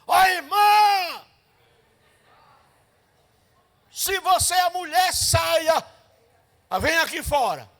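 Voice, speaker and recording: A man's voice: extremely high pitch, slow pace, pitched above the performer's own voice, heavily acted. A man playing a furious shrieking woman neighbor. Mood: furious shouting. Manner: yelling, scolding. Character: furious shouting woman neighbor, hateful and loud.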